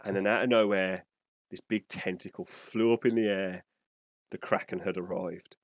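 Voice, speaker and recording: A man's voice: deep voice, fairly even intonation, normal speed, no room sound. A man co-hosting a gaming podcast, telling a story in a rambling, enthusiastic way. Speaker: podcast co-host. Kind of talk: casual storytelling chat.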